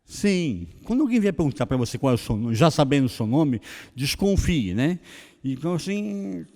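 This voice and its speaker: Animated Brazilian pastor in echoing hall. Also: male voice, mid-range voice, normal speed. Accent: Brazilian Portuguese. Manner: animated, acts out dialogue in voices. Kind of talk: sermon with personal storytelling. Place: church hall. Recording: reverberant church hall.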